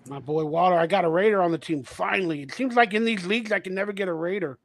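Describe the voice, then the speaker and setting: A man with a high, fast voice hosts a casual fan livestream, chatting animatedly. He acts out quotes while telling stories and swears freely.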